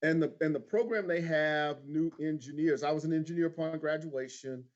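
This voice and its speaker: A middle-aged insurance agent from Houston, Texas, speaks with an American accent in a slightly high, slightly quick voice. He's a guest answering interview questions in a casual, candid way. The livestream audio is dull and lo-fi.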